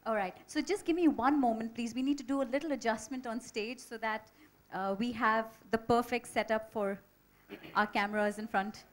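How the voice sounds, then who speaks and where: A woman's voice: fairly high pitch, moderate pace. A woman hosting a stage event, bubbly and effusive as she welcomes guests, on a handheld mic. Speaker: event host.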